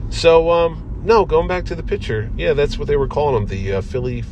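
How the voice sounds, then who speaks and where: A man hosting a casual, jokey movie chat while riding in a car, telling stories with animated asides. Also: fairly high pitch, brisk, muffled recording, background noise. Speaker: comic con host. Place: inside a moving car.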